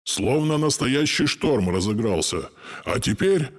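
A man's voice: medium pitch, expressive, unhurried, voice pushed up. A man voicing an anxious old male ghost in an audiobook, urgent and worried. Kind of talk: audiobook character voice.

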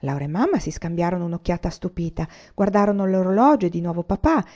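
A woman reads a novel aloud with steady, even storytelling. Her voice is low and mellow, and the recording sounds dull and lo-fi. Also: fast. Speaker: audiobook reader.

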